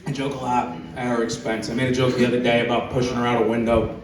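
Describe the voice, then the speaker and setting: Deadpan man doing stand-up in a roomy club. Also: medium pitch, fast talker. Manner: deadpan dark one-liners. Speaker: stand-up comedian. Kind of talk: stand-up comedy set. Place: comedy club stage with audience. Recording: roomy club sound from far off, crowd laughter.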